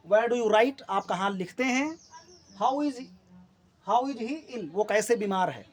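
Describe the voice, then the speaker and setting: Man teaching grammar, checking in often. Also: very high-pitched. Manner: explanatory, frequently checks in with "okay", repeats terms; says English example sentences more loudly and clearly. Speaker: English teacher. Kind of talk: classroom-style lesson explaining grammar.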